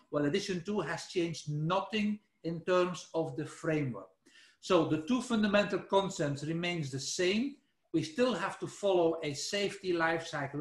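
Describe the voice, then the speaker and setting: A man with a Flemish accent from Belgium presents a technical webinar, his high-pitched voice carrying a roomy sound. He explains things loosely and informally, correcting himself and dropping "let's say" fillers. It's a screen-shared webinar, so he isn't seen.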